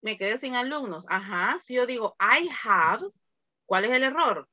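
A woman's voice: on the high side, animated, moderate pace, sharp tone, dry recording, dull audio. A woman from El Salvador, teaching an online English class in a chatty way with lots of examples.

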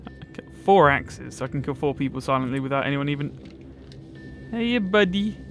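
A man's voice: mid-range voice, level tone, moderate pace, gravelly, a bit bright, faint music behind. A man playing a video game and commentating as he goes, swearing, joking and mocking himself. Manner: sweary, self-mocking, talks to game characters. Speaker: gamer. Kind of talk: let's play commentary.

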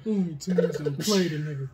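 A man's voice: fairly high pitch, moderate pace, mellow. A young man bantering casually on a podcast, slangy and sweary, trading trivia guesses with friends. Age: young adult. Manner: informal, slangy, profane. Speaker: podcast co-host. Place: small indoor room at a table. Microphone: shared podcast microphone on table.

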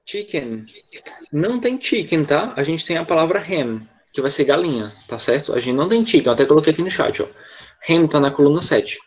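A man's voice: a little high, animated, brisk. A man teaching an online English lesson to children, patient and constantly checking in with short questions. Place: online class over a video call.

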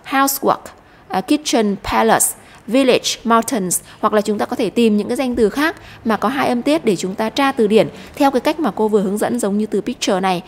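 Vietnamese woman teaching in a reverberant room. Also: a little high. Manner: patient, explains step by step to children. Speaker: English teacher. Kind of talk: online English lesson.

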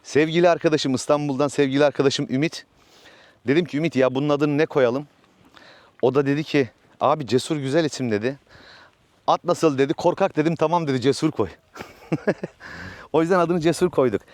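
A man's voice: a little high, brisk, long pauses, dry recording. Chatty man vlogging from his farm. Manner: chatty, talks softly and coaxingly to his horse. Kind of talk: casual vlog narration. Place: outdoors on a village farm.

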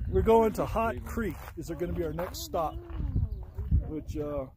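There's background noise behind this man's high, sing-song voice as he unhurriedly narrates a hike for his travel vlog. Recorded outdoors on a camera mic, the host rambles casually and leans on plenty of fillers.

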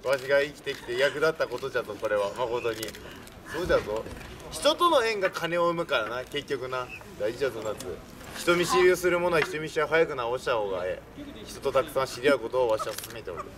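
A man's voice: mid-range voice, expressive, fast, crowd noise, close to an everyday voice. A young man playing a boastful, worldly-wise old samurai lord, giving jovial, emphatic life advice to visitors in archaic speech. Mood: wise, advising. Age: young adult. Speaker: costumed historical performer. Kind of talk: in-character talk show for castle visitors. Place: outdoor castle grounds beside a stone wall. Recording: noisy outdoor recording from a distant camera.

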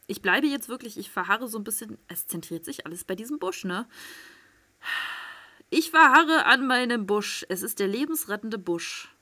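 A woman giving excitable live commentary on her gameplay, swearing freely and swinging between loud outbursts and tense whispers. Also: mid-range voice, fairly quick, hardly any pauses. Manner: swears freely, talks to viewers with tag questions. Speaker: let's play gamer.

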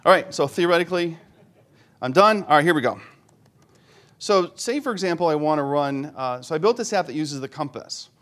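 A man giving a live conference talk, demoing software on stage, joking with the audience and talking himself through each step. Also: on the high side, animated, a little fast. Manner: joking, self-deprecating, thinks aloud while demoing. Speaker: conference speaker. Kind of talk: live tech talk demo.

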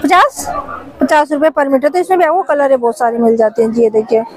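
A woman's voice: high-pitched, fairly even intonation, brisk. A woman filming a casual shopping vlog at an outdoor market, chatting about prices and calling out to the sellers. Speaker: vlogger showing market stalls. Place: busy outdoor street market. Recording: noisy crowded street market. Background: crowd chatter.

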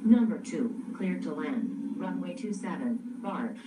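A computer-voiced woman reading back clipped pilot radio calls from the cockpit, in a flat, even synthetic manner. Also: fairly low pitch, measured pace. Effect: pilot radio call from a cockpit. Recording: distant echoey room with loud noise.

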